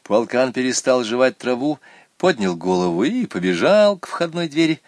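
A man narrating a children's audiobook in a slow, expressive storytelling manner. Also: mid-range voice, no room sound, studio quality.

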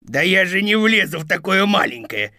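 An actor playing a greedy, boastful fairy-tale wolf who growls and mocks in an audio story. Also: male voice, sits high, very animated, normal speed, bright, forceful tone, dry recording, studio quality, exaggerated voice. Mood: grumbling. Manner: growling, menacing, mocking.

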